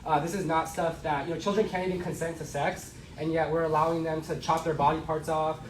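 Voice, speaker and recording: Young guy running a debate, higher voice, mic far away, echoey. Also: level tone, a little fast. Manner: firm, calling for quiet. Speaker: student debate moderator. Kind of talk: moderating and debating. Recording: echoey room, distant mic, faint noise.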